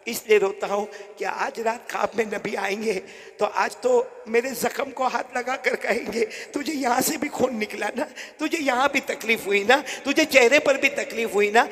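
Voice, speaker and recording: A male preacher telling a story in a sermon, swinging from soft murmurs to shouted peaks and calling listeners his dear ones. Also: very high voice, moderate pace. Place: village gathering. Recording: echoey hall reverb.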